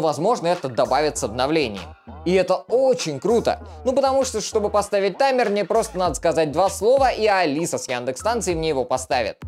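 A man's voice: on the high side, a little mellow. A young man giving a casual gadget review to camera on a lapel mic. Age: young adult. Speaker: tech reviewer. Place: small furnished room indoors. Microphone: clip-on lapel mic.

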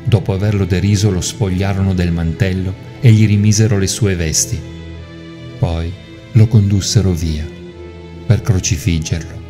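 A priest giving a measured, solemn liturgical scripture reading. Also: male voice, sits low, steady tone. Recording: music playing underneath.

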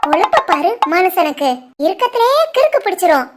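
A woman voicing a bossy, playful grandmother and mother-in-law in an animated family story, with a southern Tamil accent from the Tirunelveli area and quick teasing retorts. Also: a little hiss or hum. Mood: scolding. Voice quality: high, bright cartoonish voice. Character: teasing middle-aged grandmother, sharp-tongued mother-in-law.

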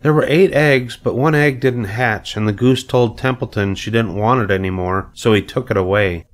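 A man's voice: medium pitch, normal speed, voice pushed up, close to an everyday voice. A man playing a young farm girl in a storybook, chatting in an eager, matter-of-fact, childlike way. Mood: eager, factual.

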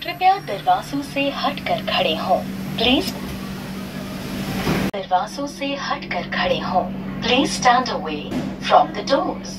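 A woman's recorded announcement on a train, spoken in a slow formal manner. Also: a little high, sing-song, recorded from a distance, loud music behind the voice, rough recording.

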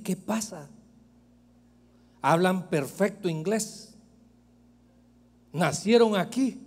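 A man's voice: fairly high pitch, darkish tone, big-room sound. A male pastor preaching a sermon, emphatic and joking as he speaks straight to the congregation. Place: church sanctuary.

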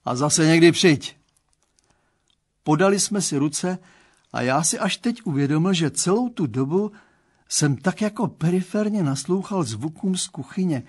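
A man's voice: high-pitched, expressive, a little mellow, breathy edge. Older man reading a wry story. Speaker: audiobook narrator. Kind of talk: scripted audiobook narration.

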